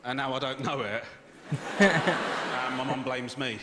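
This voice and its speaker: A British-accented man of Sri Lankan heritage performs stand-up on a theatre stage, telling stories in a dry, deadpan style with lively swings. His medium-pitched voice moves a little slowly against heavy background noise. The roomy theatre recording is filled with loud audience laughter.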